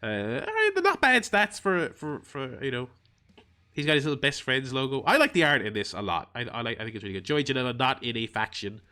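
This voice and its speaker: A man talks through a mobile game on a stream in a bright, forward voice of medium pitch. He reads the tutorial text aloud and fills the gaps with wry, self-deprecating asides and plenty of ums and uhs. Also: very animated, brisk. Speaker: gaming streamer.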